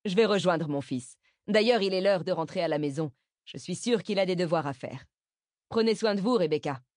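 A woman's voice: fairly low pitch, brisk, a little mellow, dry recording, studio quality, natural voice. A woman reading the part of a courteous, cheerful man, a father out with his son.

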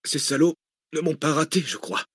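A man's voice: fairly high pitch, animated, moderate pace, fairly bright tone, husky, no echo, pitched above the performer's own voice. Male narrator doing a weak, grumbling injured professor in an audiobook, dry sound. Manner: faint, complaining. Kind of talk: audiobook character voice.

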